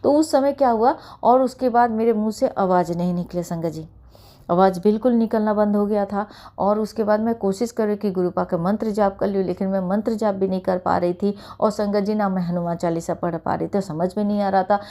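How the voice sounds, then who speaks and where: A middle-aged woman recounts a personal experience to her spiritual community in an earnest, storytelling way. Her voice is mellow and warm, and she sits at an ordinary middle pitch. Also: fairly even intonation, fairly quick. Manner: earnest storytelling, often addresses listeners as sangat ji. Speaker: satsang sharer. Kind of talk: personal testimony.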